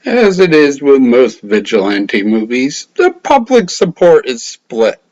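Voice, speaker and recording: Sarcastic, slow-talking male film reviewer. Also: medium pitch, huge pitch swings, darkish tone, dry recording, muffled recording. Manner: sarcastic and profane. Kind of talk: casual comedic movie review narration.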